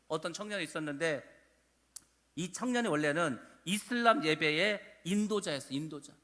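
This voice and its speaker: A man preaching in a church sanctuary, his voice carrying a long hall reverb. He sounds high and bright. He tells stories with animation and acts out the quoted speech. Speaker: pastor. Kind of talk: sermon.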